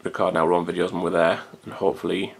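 A man's voice: sits low, flat delivery, fast, breathy edge. A man, chatting casually to his own camcorder at home in a rambling way. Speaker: vlogger. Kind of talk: casual chat to camera. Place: hot room at home. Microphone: camcorder built-in mic.

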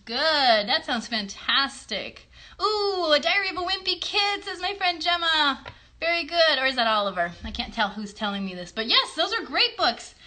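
A woman in her thirties hosts a children's livestream and works the puppets on her show, chatting with kids in a high, very animated voice with a sharp edge at a normal pace. She explains things simply and encouragingly and asks lots of questions. She's in a small indoor room that feels like a bedroom, picked up by a phone a short distance away.

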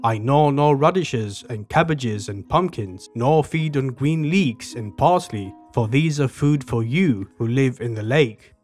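A man's voice: medium pitch, animated, measured pace, hardly any pauses, a little mellow, faint music behind, lightly acted. A man voicing a proud, boastful young male mouse warrior in a storybook retelling, with grand, formal recitation.

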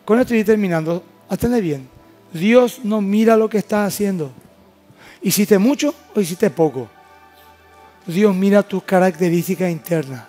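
High-voiced Paraguayan pastor preaching a sermon. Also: male voice, darkish tone. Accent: Paraguayan Spanish. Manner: emphatic, asks the congregation rhetorical questions. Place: church service.

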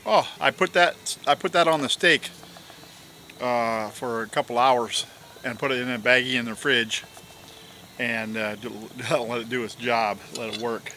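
A man chats loosely to the camera at his campsite, his voice bright and forward. He rambles along with plenty of fillers and half-finished thoughts, with a faint hum of insects and outdoor air behind him. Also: medium pitch, unhurried. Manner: relaxed, rambling, with filler sounds and trailing off. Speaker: outdoor cooking vlogger. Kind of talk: casual chat while eating.

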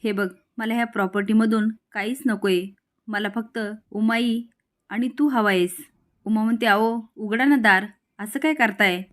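A woman's voice: on the high side, normal speed. A woman recounting a TV serial episode, reading each character's lines in her own voice.

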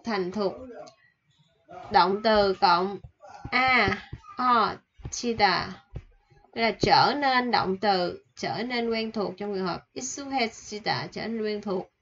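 Woman teacher slowly explaining vocabulary. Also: a little high, a bit bright, slight background noise. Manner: repeats each Korean word and sentence, then explains it slowly. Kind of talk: vocabulary lesson, reading words and example sentences then explaining. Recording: slightly dull, lo-fi sound.

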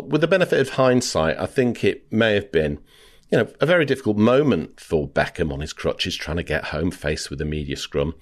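Deep-voiced British-raised man telling a story. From United Kingdom. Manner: conversational, frequent "you know" fillers. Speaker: podcast host, former reporter. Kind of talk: storytelling monologue.

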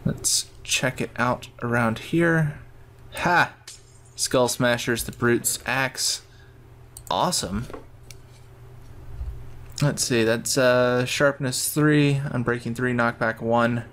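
A man's voice: medium pitch, slow pace, a bit bright. A man giving casual gameplay commentary, thinking aloud in a rambling way. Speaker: gamer narrating his own play.

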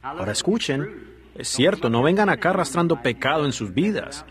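A man's voice: fairly high pitch, lively intonation, brisk. Man dubbing an earnest sermon in Spanish. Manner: earnest, with many rhetorical asides. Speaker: Spanish dub voice of a preacher. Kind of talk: dubbed sermon reading.

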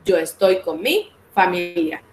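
A Colombian woman with a Colombian Spanish accent, teaching an English class online and slowly modeling each English phrase. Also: lowish voice, expressive, a little mellow, reverberant, slight background noise, low-quality recording.

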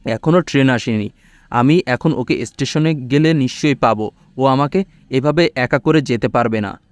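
A man reading the lines of a heartbroken young man rushing to find the woman he loves, in an audio love story. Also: mid-range voice, no echo, natural voice. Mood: anxious, hopeful.

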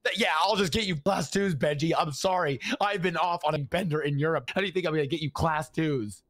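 A man's voice: a little high, fairly quick, a bit bright, no room sound. A man chatting casually during in-game role-play, joking and rambling.

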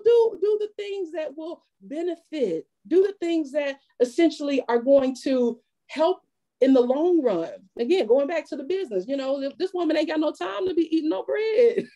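A woman preaching a sermon at a church women's fellowship, lively and conversational, drawing call-and-response from the congregation. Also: high-pitched, low-quality recording.

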